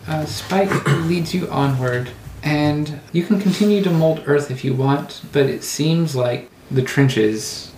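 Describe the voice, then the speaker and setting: A game master narrates a tabletop adventure at a slow pace. The delivery halts as scenes are described. The room is echoey, with faint background noise. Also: mid-range voice, a little mellow.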